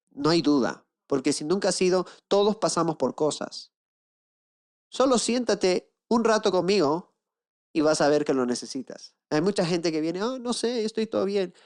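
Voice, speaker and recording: A man preaching a sermon as an inner-healing coach, lively, acting out the people he quotes with rhetorical questions, slowing down and hushing low to drive points home. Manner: slows down and drops to a low hush for emphasis.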